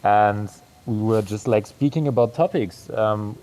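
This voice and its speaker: A man's voice: on the low side, measured pace, warm tone, rough recording. A young man in his twenties, an actor, answering casually on a video call, rambling with many fillers. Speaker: performer. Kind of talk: casual conversation.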